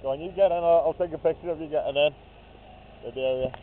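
A man chats and cheers his friends on outdoors while filming them, his voice sitting slightly high. It comes through thin old camcorder audio that sounds almost like a phone line. A faint hiss runs underneath. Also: steady tone, fast. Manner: cheery, encouraging. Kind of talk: casual home video chat.

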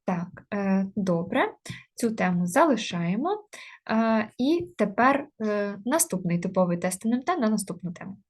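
A woman's voice: medium pitch, big pitch swings, normal speed. A woman teaching an exam-prep grammar lesson, explaining step by step with frequent hesitations. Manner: explains step by step with many fillers.

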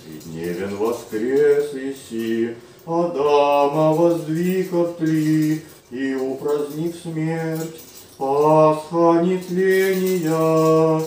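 Priest chanting prayers in an echoey room. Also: male voice, fairly high pitch, fairly even intonation, a little mellow, distant mic, slight background noise. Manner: slow sung chanting in Church Slavonic. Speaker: Orthodox hieromonk. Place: small tiled room of a house. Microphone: far camera.

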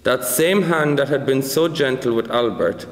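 A man reading a children's story aloud as narrator, careful and measured. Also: mid-range voice. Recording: echoey room with long reverb.

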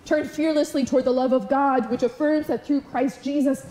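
A woman giving a funeral sermon in a large church, preaching in a measured, rhythmic way with repeated calls to her listeners. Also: high-pitched, steady tone, dark tone, a little hiss or hum. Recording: echoey church room.

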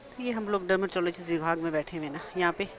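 A woman vlogging casually in a soft voice, a little short of breath, speaking into a small clip-on mic. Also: fairly low pitch, fast talker. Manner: speaks softly after surgery, short of breath. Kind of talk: casual vlog narration.

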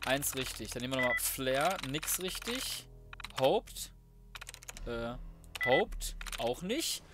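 A young adult man gives casual, slangy let's play commentary, often muttering to himself as he plays. His medium-pitched voice swings widely in pitch at a slow pace, against loud game music, typing and gunfire.

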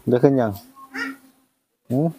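A man vlogging as he feeds and looks after a baby animal, talking gently and coaxing it with repeated phrases. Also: mid-range voice, slow pace, a little hiss or hum. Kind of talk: casual vlog narration.

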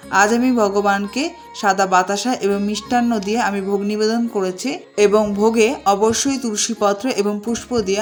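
A woman with a fairly high voice walks listeners through a home worship ritual one step at a time. She keeps an even, unhurried pace and slows to chant the short prayers. Soft music plays faintly under her voice. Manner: calm, even narration with slow chanted mantras. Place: home shrine, indoors.

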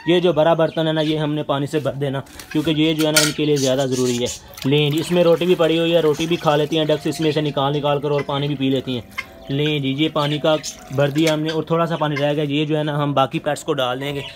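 A man, narrating a casual pet vlog outdoors and coaxing his birds with quick repeated calls. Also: on the high side, flat delivery, background noise. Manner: fast, chatty, coaxing animals with repeated calls. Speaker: pet vlogger. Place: outdoor yard with bird cages, aircraft passing overhead.

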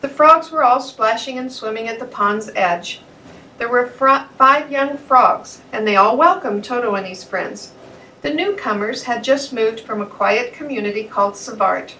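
Bright woman reading a children's story. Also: a little high, moderate pace, distant mic, a little hiss or hum, low-quality recording. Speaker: narrator. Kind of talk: children's storybook read-aloud.

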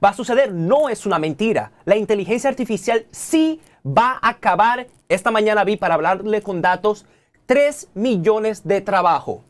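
A man in his thirties with a Dominican Spanish accent speaks as a guest in a TV studio interview. His pitch swings widely as he lectures the audience in an animated, preachy way and keeps calling out to them directly. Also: normal speed. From Dominican Republic. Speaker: technology guest.

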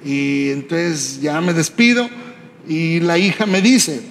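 A man preaching a sermon, telling a personal story in a conversational way and often tagging his lines with a quick question. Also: a little high. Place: church hall. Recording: reverberant church hall, faint background noise.

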